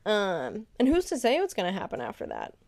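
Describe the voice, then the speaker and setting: A woman co-hosting a podcast in casual chat, musing reflectively with many pauses and filler sounds. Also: mid-range voice, huge pitch swings, gravelly, a little mellow. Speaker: podcast co-host.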